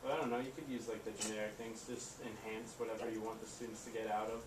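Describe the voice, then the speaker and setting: Hesitant male student, flat low voice. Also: fast. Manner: hesitant, lots of filler words. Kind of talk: classroom question. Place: classroom. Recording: echoey classroom, mic far off, noisy.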